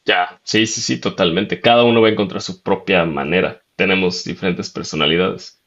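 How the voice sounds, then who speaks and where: A man's voice: deep voice, moderate pace, dull audio. A man hosting a conversational interview, agreeable and easygoing, telling personal anecdotes. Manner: relaxed, agreeable, tells anecdotes. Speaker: podcast host.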